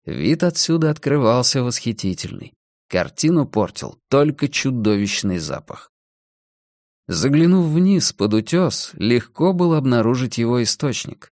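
A man's voice: medium pitch, big pitch swings, a little mellow, dry recording. Dry-sounding male audiobook narrator. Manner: measured, deliberate reading. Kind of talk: scripted narration.

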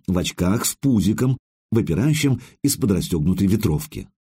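A man's voice: deep voice, mellow, slightly rough. A man narrating a first-person audiobook in a wry, conversational storytelling manner.

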